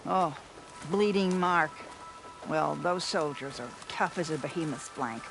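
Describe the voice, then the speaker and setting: Creaky, wry old warrior woman. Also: sits low, measured pace, over music. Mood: chatty. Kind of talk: video game character acting.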